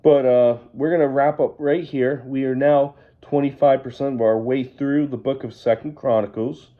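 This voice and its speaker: A man leading an evening Bible study, reading scripture aloud and then explaining it in a measured way. He says he is losing his voice. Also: medium pitch, steady tone, narrow, tinny audio.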